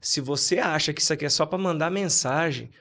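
A man's voice: a little high, fairly quick, fairly bright tone. A man on a podcast, chatting casually and stating strong opinions with emphasis, often acting out what others say. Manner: emphatic, opinionated, acts out quoted dialogue. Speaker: podcast co-host. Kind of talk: casual chat.

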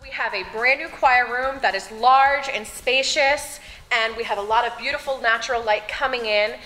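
A woman's voice: a little high, normal speed, sharp tone, soft background music, low-quality recording. A middle-aged woman, a choir teacher, talking enthusiastically on camera in a large classroom. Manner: enthusiastic, gestures broadly while talking. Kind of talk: on-camera school interview. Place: large bright empty classroom.

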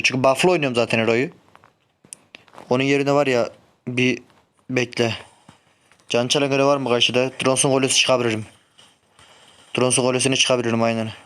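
A young man streaming and commenting on his own gameplay, grumbling and swearing when things go wrong. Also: medium pitch. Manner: frustrated, shouts sharply when the game goes wrong. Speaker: gaming streamer.

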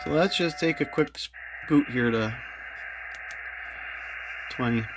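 A Canadian man, an amateur radio operator and video host, narrates casually and chats about ham radio, spelling out call signs in the phonetic alphabet. His voice is a little high and he takes it slowly. Music plays in the background of a low-quality recording.

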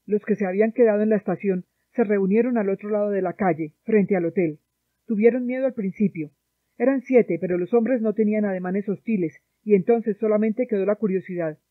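A woman from Colombia reading a novel aloud in a measured, sombre narration, heard through a dry, tinny phone-like sound. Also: mid-range voice, dry recording. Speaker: audiobook reader. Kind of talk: literary narration.

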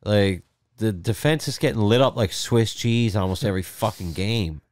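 A man's voice: fairly low pitch, normal speed, a little mellow, dry recording. A man co-hosting a casual sports podcast, blunt and opinionated, swearing casually. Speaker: podcast co-host.

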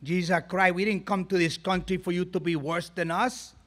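A man's voice: high-pitched, fairly even intonation, moderate pace. A man voicing a boastful, scolding middle-aged immigrant father. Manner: scolding, loud and exasperated.

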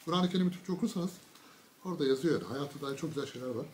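A man giving a casual political monologue, mocking and ranting, with sudden loud bursts and low asides. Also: animated, racing, a little hiss or hum. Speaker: political commentator.

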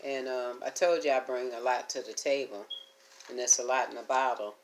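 A woman's voice: very deep voice, fairly even intonation, moderate pace, a little hiss or hum. A middle-aged woman vlogging at home, chatting to her viewers in a rambling, homey way while she eats and hums between bites. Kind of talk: casual eating chat to camera.

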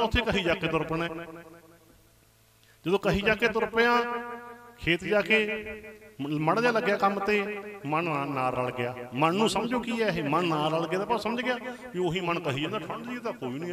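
A man's voice: sits high, expressive, moderate pace, fairly bright tone. A man preaching a Sikh religious discourse, explaining with homely examples, repeating set phrases and calling for responses from the congregation. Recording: echoey hall.

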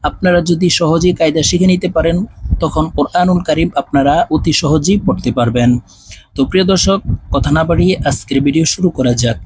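A man with a Bangladeshi Bengali accent teaching Quran reading, spelling out Arabic letters and syllables slowly for learners to repeat. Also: on the high side, a little mellow, slight background noise, rough recording. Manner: slow, drawn-out recitation of syllables.

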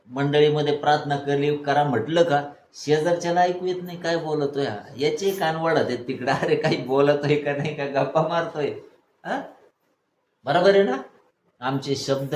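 A male pastor preaching a sermon. He asks the congregation questions, answers them himself, and builds to loud exhortation. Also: on the high side, slight background noise. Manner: call-and-response preaching, rising to loud exhortation. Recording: echoey room, faint ambience.

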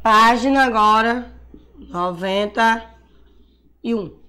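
A Brazilian woman teaching a class of young children, sounding out syllables slowly and patiently, calling herself auntie and praising often. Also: a little high, sharp tone, clear, resonant tone. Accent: Brazilian Portuguese. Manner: calls herself "tia", encouraging praise. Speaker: primary school teacher. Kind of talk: slow dictation-style class for young children.

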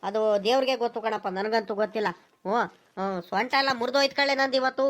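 Woman playing a fast-talking, complaining old village headman, cartoon. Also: a little high, a bit bright, close to an everyday voice. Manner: complaining, exasperated. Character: grumbling older male village headman. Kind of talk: cartoon voice acting.

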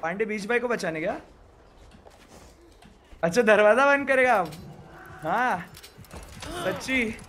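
High-pitched dude chilling on a game stream, narrating his plays, faint hiss behind. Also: takes it slowly, pauses often, a bit bright. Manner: laid-back, narrates his own play. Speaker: gamer on a group stream. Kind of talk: casual gaming chat.

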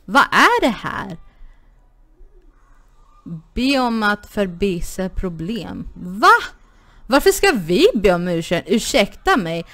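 A woman's voice: mid-range voice, big pitch swings, pauses often, a bit bright. A woman hosting a gaming channel, chatting casually through a life-sim game, often exclaiming and talking to her characters. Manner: chatty, exclaims and laughs, talks to her sims. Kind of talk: casual Let's Play commentary.

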